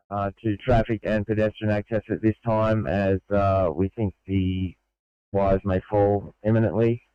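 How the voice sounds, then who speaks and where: Lower-voiced man over walkie-talkie. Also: warm tone, smooth, no room sound. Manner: clipped radio calls, frequent "uh" fillers. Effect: heard over a walkie-talkie radio. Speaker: emergency field responder. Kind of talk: two-way radio procedure. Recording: dull lo-fi radio audio.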